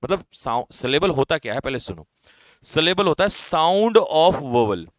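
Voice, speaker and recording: An Indian-accented man teaching grammar for exam prep, his pitch rising and falling a lot as he talks. He asks his own questions, answers them, and drops his voice at the end of each list of examples. The sound is dry and close. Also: big pitch swings, a little slow, no room sound. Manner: explains step by step, code-mixing, asks and answers own questions; calls students brother, drops his voice at ends of lists. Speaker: English teacher. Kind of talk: online exam-prep lesson.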